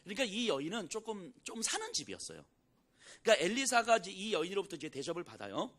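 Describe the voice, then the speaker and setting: Lively-voiced Korean pastor preaching conversationally. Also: male voice, high voice, fast. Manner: conversational preaching, acts out biblical dialogue in casual speech. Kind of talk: sermon.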